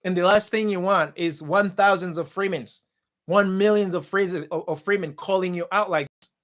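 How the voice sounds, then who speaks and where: A man hosting a talk show, giving impassioned political commentary in a forceful, repetitive way and calling his viewers guys. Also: sits high. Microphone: studio mic.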